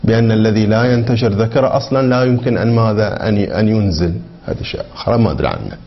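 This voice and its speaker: A man teaching a seminary lesson on a legal text. He poses leading questions, answers them himself, and reads quoted passages slowly and deliberately. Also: lowish voice. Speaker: religious jurisprudence teacher. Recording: dull lo-fi lecture recording.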